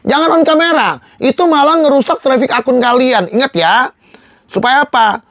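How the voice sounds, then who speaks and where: A man's voice: extremely high pitch, normal speed, a bit bright, dry recording, clean studio sound. A young man coaching viewers through tutorial slides in a casual, emphatic way. He asks rhetorical questions and keeps repeating his reminders. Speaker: live-selling coach. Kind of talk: slide-based tutorial talk.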